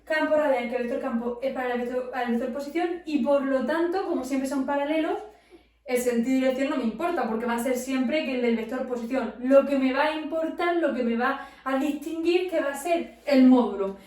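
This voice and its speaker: A woman's voice: high voice, fairly quick, darkish tone. A woman tutoring physics to students, explaining step by step and often checking in with questions. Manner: asks and answers her own questions, frequent "¿vale?" checks. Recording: very echoey room, distant from the mic.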